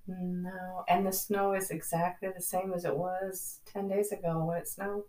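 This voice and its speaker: A woman with a low voice co-hosts a casual podcast, easygoing and quick to tease. She sits back from the mic, so her voice sounds distant in a roomy space. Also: level tone, a little mellow. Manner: easygoing, laughs often, teasing. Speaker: podcast co-host. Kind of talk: casual chat.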